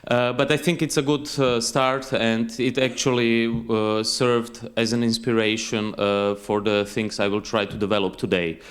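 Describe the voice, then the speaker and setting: A man from Croatia with a Croatian accent giving a conference lecture, measured and full of "uh" fillers. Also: medium pitch. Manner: measured, frequent "uh" fillers, reads quotes slowly. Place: university lecture hall. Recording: echoey lecture hall.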